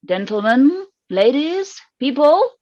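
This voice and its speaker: A woman's voice: high voice, sing-song, takes it slowly, darkish tone, highs cut off. A woman co-hosting a casual, chatty interview show over a video call. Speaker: co-host.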